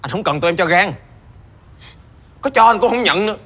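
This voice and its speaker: A dying brother, tired and cold. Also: male voice, high-pitched, lively intonation, fairly quick. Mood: weary cold. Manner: quiet, resigned, curt. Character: gravely ill older brother, weary and proud.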